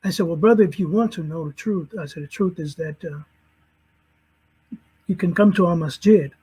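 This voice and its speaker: Husky, high-voiced man telling his story. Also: normal speed, mellow, rough recording. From St. Louis, Missouri, USA. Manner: earnest, recounts conversations in quoted dialogue. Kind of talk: personal testimony storytelling.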